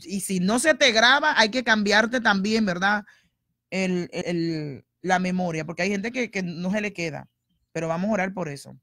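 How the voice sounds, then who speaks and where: A woman pastor teaching a sermon in a conversational, animated way, acting out the voices she quotes. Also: medium pitch, normal speed, no room sound, clean studio sound.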